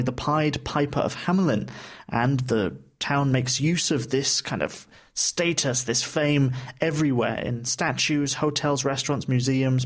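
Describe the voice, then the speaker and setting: A man co-hosts a relaxed travel chat show, talking in a loose, playful way. He fills his pauses with ums and uhs and plays around with words. His voice sits at an ordinary middle pitch. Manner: chatty, playful with words, many fillers. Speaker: co-host. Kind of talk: casual podcast chat.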